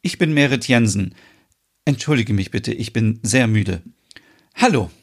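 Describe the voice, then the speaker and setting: A man's voice: fairly low pitch, lively intonation, unhurried. A man voicing a tired, polite grown woman in a podcast soap opera, speaking in a weary way.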